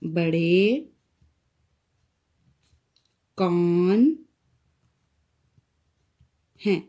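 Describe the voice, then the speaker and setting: Pakistani Urdu-accented woman teacher for a kids' writing lesson; unhurried, mellow delivery. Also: on the low side, lively intonation. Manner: slow, spells out letters one by one. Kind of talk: recorded Urdu writing lesson for young children.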